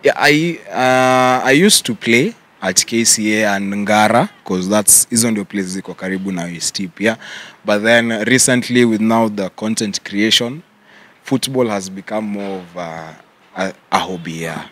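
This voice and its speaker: A young man with a Kenyan accent, answering interview questions in a relaxed way and mixing English with Swahili slang. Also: lowish voice, measured pace. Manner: relaxed, mixes English and Swahili slang, says "yeah" often. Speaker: content creator guest.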